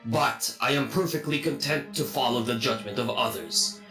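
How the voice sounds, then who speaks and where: A man's voice: mid-range voice, normal speed, vocal fry, bright, forceful tone, echoey room, soft background music, low-quality recording. A man voicing a literal-minded, cold male construct in a stiff, formal robot voice for a tabletop game. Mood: calm, literal. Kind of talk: playing a character in a tabletop game.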